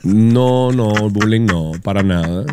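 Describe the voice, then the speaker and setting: A man's voice: lowish voice, slow, warm tone, slight background noise. A man co-hosting a radio talk show, making teasing, joking asides. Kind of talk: casual radio banter. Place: radio studio.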